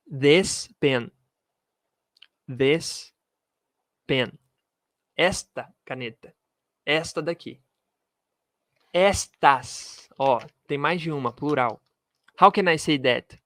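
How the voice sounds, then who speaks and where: Slow, dry-voiced man teaching English. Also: fairly high pitch, a bit bright, dry recording. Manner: slow, drilling pronunciation with repetitions. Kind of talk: video lesson. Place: room with pens and a globe.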